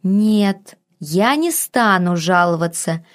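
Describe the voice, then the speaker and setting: A woman voicing a sharp-tongued, irritable young heroine. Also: on the low side, lively intonation, slow pace. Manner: snappy, sarcastic.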